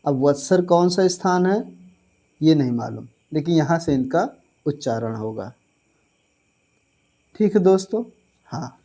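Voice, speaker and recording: A man teaching an online grammar lesson for exam preparation. He addresses viewers as friends and drills syllables slowly. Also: fairly high pitch, animated, dark tone.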